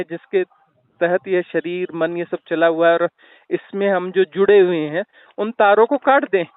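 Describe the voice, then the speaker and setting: Male spiritual guest, high smooth voice, slow explaining, phone-line sound. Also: dry recording. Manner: slow, explanatory, with restarts and fillers. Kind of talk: spiritual talk with storytelling.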